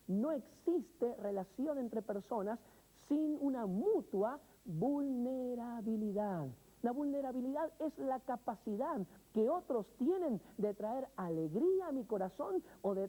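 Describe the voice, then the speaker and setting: A man's voice: very high-pitched, mellow, rough recording. A male pastor preaching a sermon, speaking expressively, asking the listener questions and telling everyday stories. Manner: storytelling with everyday examples.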